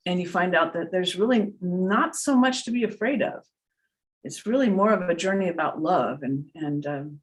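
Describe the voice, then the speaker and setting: A woman's voice: fairly low pitch, low-quality recording. Earnest middle-aged woman, reflective spiritual talk. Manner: earnest, reflective, repeats words for emphasis. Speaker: trance medium, guest answering questions.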